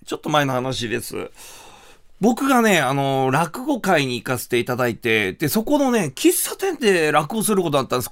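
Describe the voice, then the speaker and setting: Gravelly, animated Kumamoto-dialect rakugo man. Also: on the high side. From Kumamoto, Japan. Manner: animated, playful storytelling with sound effects. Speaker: rakugo storyteller and radio host. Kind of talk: comic folktale telling in dialect, then casual radio chat.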